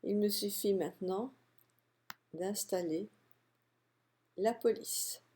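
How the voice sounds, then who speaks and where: A woman calmly walking through a software tutorial step by step, narrating her clicks. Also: mid-range voice, breathy edge. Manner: calm step-by-step explaining, unhurried. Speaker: software instructor. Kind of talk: screen-recorded software tutorial.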